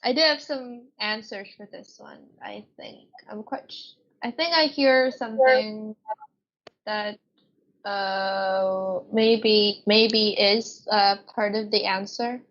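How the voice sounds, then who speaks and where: A woman's voice: mid-range voice, steady tone, takes it slowly, fairly bright tone. A woman taking part in an online quiz over a video call, hesitant and thinking aloud as she guesses. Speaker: quiz participant. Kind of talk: casual online quiz chat. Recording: dull lo-fi video call audio.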